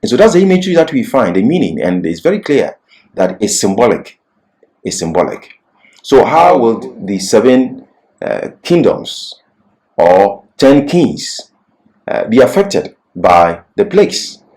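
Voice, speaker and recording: Working from a script, this Bible lecturer reads his points and explains them emphatically, with explanatory asides and repeated key phrases. He speaks unhurriedly in a darkish voice on the low side, with big swings in pitch.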